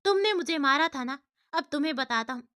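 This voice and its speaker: A vengeful young bully taunts his victim in a high, bright register, as a woman narrator reads him aloud. The threats come in a menacing storybook tone. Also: lively intonation, a little fast.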